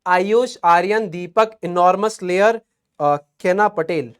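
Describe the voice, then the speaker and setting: A man's voice: sits high, slow, clear, resonant tone. A young man teaching a live online chemistry class, chatty and playful, joking with students between quiz polls.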